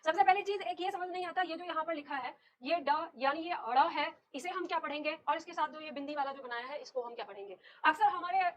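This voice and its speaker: A woman's voice: extremely high pitch, fairly bright tone. A woman teaching a Hindi grammar class, explaining step by step and putting questions to her students. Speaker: Hindi teacher for competitive exams. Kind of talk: classroom lecture on Hindi alphabet.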